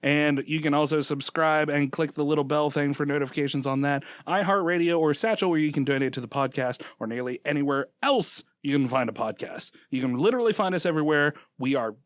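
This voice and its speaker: A man's voice: on the high side, a little fast, few pauses, no room sound. A young man co-hosting a podcast, teasing and laughing often as he reads the outro in casual banter. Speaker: podcast co-host. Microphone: close dynamic studio mic.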